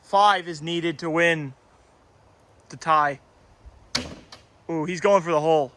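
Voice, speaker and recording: An excitable man hosts in a high, bright voice, teasing the others and calling each throw with mock drama. His commentary stays playful and casual throughout. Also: slow pace, a little hiss or hum. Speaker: host.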